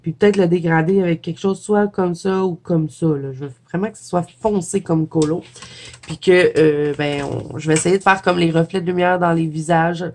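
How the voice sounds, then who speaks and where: A woman's voice: lowish voice, steady tone, moderate pace, darkish tone, a little hiss or hum. Stuffed-up Québécoise woman chatting while painting. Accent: Quebec French. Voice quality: chatty, laughs often, self-deprecating. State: congested with a head cold. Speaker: watercolor coloring vlogger. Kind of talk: casual chat while painting.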